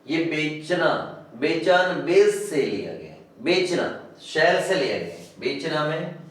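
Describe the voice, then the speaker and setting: A man teaching Hindi grammar for exam coaching, dictating words slowly and drawn out. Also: a little high, very animated. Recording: echoey room, distant mic.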